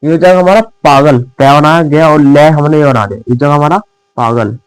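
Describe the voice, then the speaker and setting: A man's voice: on the high side, brisk, clear, resonant tone, no echo, rough recording. A male teacher explaining shorthand in a classroom-style lesson, asking questions and answering them himself, calling his students dear children. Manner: repetitive quiz-style, asks and answers himself; affectionate address to students.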